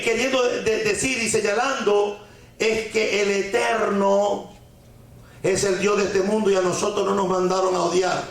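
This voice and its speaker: A man with a fairly high voice teaching a sermon on the weekly Torah portion. He keeps asking rhetorical questions and repeating lines for emphasis, dropping in Hebrew terms and folk sayings. The recording rings with heavy echo from the room. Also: fairly bright tone. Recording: very echoey room.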